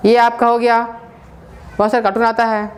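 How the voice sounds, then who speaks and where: A woman's voice: fairly high pitch, flat delivery, fairly quick, slight background noise. A woman teaching a spoken English class in a casual, repetitive way, often checking with her listeners and mixing English words into her talk.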